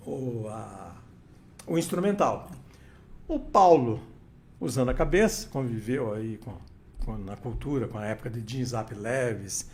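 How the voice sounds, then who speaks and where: An older man, appearing as an interview guest, tells radio anecdotes in a casual storytelling style, often restarting and quoting dialogue. His medium-pitched voice is creaky and a little mellow.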